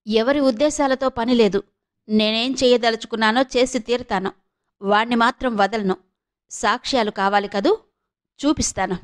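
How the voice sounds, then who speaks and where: A woman voicing a defiant young woman who speaks sharply and with force, high-pitched. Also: fairly even intonation, normal speed, pauses often, lightly acted.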